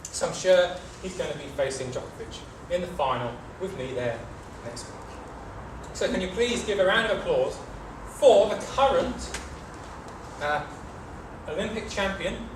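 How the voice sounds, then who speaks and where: Young British man, lively swooping pitch, theatrical tall-tale storytelling, public speech, dramatic pauses, echoey distant recording. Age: 20s or 30s. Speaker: club speech contestant. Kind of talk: humorous tall-tale speech to a live audience. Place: echoey meeting room with an audience. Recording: roomy, noisy, distant microphone.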